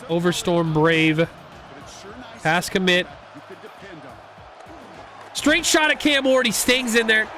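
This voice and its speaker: Playing a football video game, this young gaming YouTuber rambles through casual, excitable commentary in a high voice. Big plays draw loud reactions from him.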